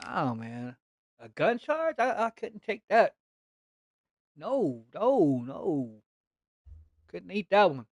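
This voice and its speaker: Animated man telling a blunt story. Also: sits high, slow, pauses often, no room sound. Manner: animated, blunt, heavy swearing. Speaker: gaming streamer. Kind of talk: casual storytelling on a livestream.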